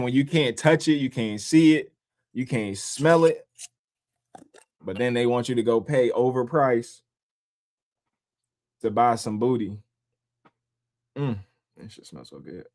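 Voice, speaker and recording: A man who was born in upstate New York and raised in the DC area, hosting a casual livestream talk. He is loose and profane, and he mocks other people in high squealing voices. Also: darkish tone. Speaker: livestream host. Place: home in Columbus, Ohio.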